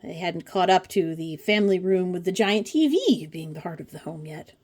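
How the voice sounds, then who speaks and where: Flipping through a pattern book on her craft channel, a woman in her forties keeps up casual, chatty commentary with wry remarks. She speaks at normal speed in a lowish, expressive voice with a darkish tone.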